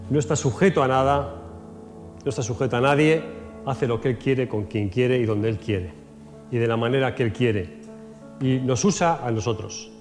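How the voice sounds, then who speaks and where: Lively storytelling pastor in a church hall. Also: male voice, mid-range voice. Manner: acts out Bible scenes in quoted voices, shouts and laughs. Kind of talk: storytelling sermon. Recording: echoey church hall with faint music.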